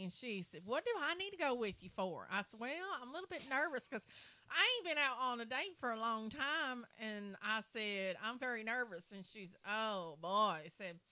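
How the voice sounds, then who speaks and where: Rambling woman with a bright voice. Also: a little high. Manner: rambling, repeats "so anyway" and "and everything". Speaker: co-host telling a story. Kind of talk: casual storytelling.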